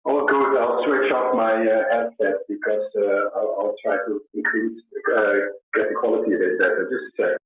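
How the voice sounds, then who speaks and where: A man talking on speakerphone in a live audio chat room. He speaks in a casual, halting way, searching for his words. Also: fairly low pitch, steady tone, soft background music. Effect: on speakerphone, echoey phone audio. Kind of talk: casual discussion. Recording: echoey, tinny speakerphone line.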